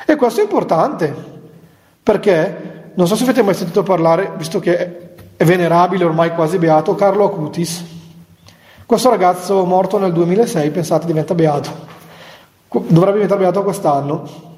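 A man with a fairly high, mellow voice gives a conversational spiritual talk as a friar addressing nuns. He keeps it chatty, dropping humorous asides and little chuckles. The sound rings with long reverb from a large hall. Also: moderate pace, pauses often. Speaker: Franciscan friar giving a retreat talk to nuns.

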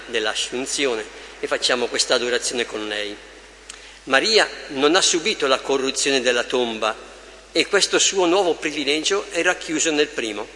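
A man leading adoration as a priest, reading scripture and meditations slowly and with measured care in a large church. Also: mid-range voice, pushed and bright. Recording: echoey church with long reverb, faint ambience.

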